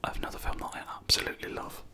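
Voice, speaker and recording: Soft whispering ASMR host. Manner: soft unvoiced whisper, unhurried, with frequent "um" and "yeah". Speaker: ASMR creator reviewing own film collection.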